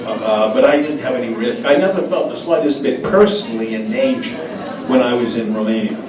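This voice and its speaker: An older American man, once a diplomat, tells anecdotes in an interview at a café event room, his mid-range voice animated and a bit quick though hesitant and filled with fillers. The recording is echoey, with a distant mic and crowd noise in the background.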